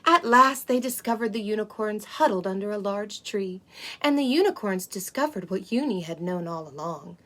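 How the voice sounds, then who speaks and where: A woman plays a sweet, wide-eyed unicorn hosting children's story time, reading a picture book with cooing wonder and exaggerated emphasis. Her lightly acted voice is medium-pitched, expressive and a bit bright, at normal speed.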